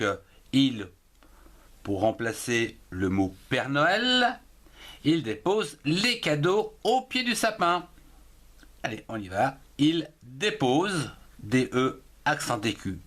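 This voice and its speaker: A middle-aged man teaching a spelling lesson, slowly spelling out words letter by letter and counting syllables. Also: medium pitch, fairly bright tone. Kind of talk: dictation-style spelling lesson.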